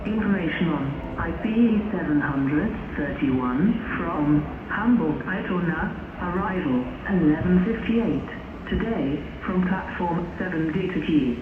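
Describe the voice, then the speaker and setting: A woman giving a measured, formulaic automated platform announcement as a railway station announcer over loudspeakers. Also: fairly low pitch, animated. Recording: echoey muffled PA, noisy station.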